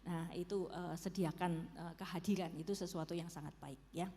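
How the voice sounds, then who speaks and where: A woman from Solo with a Javanese accent, a preacher answering questions in a relaxed, conversational way and often checking in with her listeners. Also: fairly low pitch, moderate pace, long reverb tail, a little hiss or hum. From Solo, Central Java. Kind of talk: church Q&A talk.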